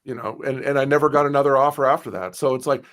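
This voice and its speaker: A man's voice: mid-range voice, steady tone, quick pace, a bit bright. A man chatting casually on a stream, emphatic, swearing and repeating himself for stress. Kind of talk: casual group chat on a stream.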